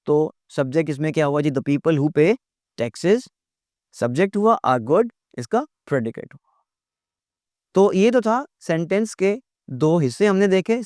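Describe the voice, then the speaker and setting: A man's voice: fairly high pitch, darkish tone, no echo, studio quality. Male English teacher lecturing. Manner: asks rhetorical questions and repeats points, reads English examples slowly. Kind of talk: recorded lecture.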